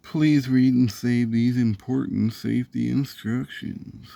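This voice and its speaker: A man's voice: mid-range voice, steady tone, takes it slowly, creaky, warm tone. A man hosting a casual unboxing video, rambling with dry, sarcastic asides about the product. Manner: rambling, with fillers and self-corrections. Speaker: host of a product unboxing show.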